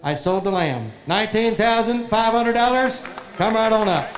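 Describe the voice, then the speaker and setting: Male auctioneer, high voice, rapid rhythmic bid chant, echoey arena, crowd noise behind. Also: lively intonation. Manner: rhythmic rolling bid calls, loud. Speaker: livestock auctioneer. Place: large indoor livestock show arena. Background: crowd murmur.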